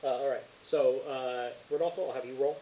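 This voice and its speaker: A man's voice: mid-range voice, steady tone, brisk, mellow. A man narrating as game master of a tabletop game, rambling with many fillers. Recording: echoey, muffled, faint hiss.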